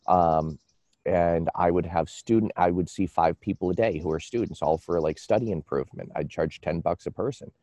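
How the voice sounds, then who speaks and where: An American man telling personal stories casually as an interview guest, in a halting, rambling way that often repeats words. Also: low-pitched, warm tone, dry recording. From United States.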